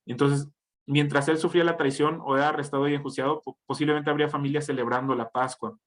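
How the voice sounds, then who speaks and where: A man's voice: on the high side, little pitch movement, fast talker, a bit bright. Man giving a chatty Bible reflection. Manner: conversational, tags points with questioning asides, frequent self-corrections. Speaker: Bible teacher.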